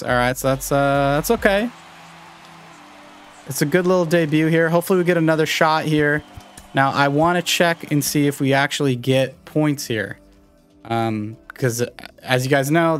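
A young man giving live commentary on a baseball video game he is playing, talking to his viewers and reacting loudly to each play, with faint music behind him. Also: medium pitch. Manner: excitable, talks to viewers while playing. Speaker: gaming YouTuber.

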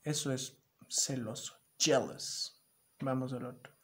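A male teacher giving an online lesson to small children. He takes his time, speaking slowly and drawing out each word. He acts out every emotion and repeats the English words with strong emphasis. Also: mid-range voice, steady tone.

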